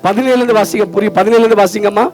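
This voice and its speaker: A man's voice: sits high, steady tone, rapid-fire, darkish tone, faint music behind, rough recording. A man with a Tamil Nadu accent preaching a fervent sermon, calling out to his listeners and repeating lines back to them. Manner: fervent preaching, calls out to listeners, call-and-response. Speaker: pastor.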